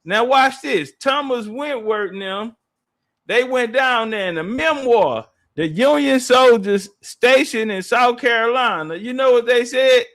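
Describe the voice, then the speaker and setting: A man's voice: extremely high pitch, unhurried, a bit bright. A man hosting a live debate stream, confrontational and taunting in slangy speech, repeating phrases for emphasis. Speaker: live-stream panel host.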